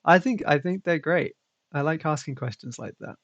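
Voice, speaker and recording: Young man, gravelly edge, dry close sound, easygoing host chatter full of "um"s. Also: on the high side, normal speed, no room sound, dull audio. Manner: relaxed, rambling with frequent fillers and laughs. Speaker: stream host. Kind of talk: casual chat.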